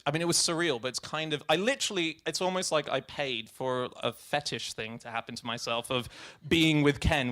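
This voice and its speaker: A young man talks on a festival stage in a middle-pitched voice. He rambles, restarts his sentences and laughs between them, trailing off quietly at the ends of thoughts. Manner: rambling, stop-start, laughing asides. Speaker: guest filmmaker. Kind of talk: live on-stage conversation. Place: stage at a film festival event.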